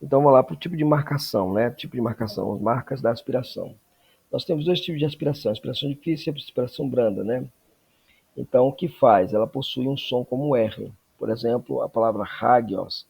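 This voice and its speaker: A man teaching a Greek lesson, explaining slowly and checking in with frequent tag questions. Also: mid-range voice, gravelly, darkish tone, breathy edge. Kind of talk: classroom lesson.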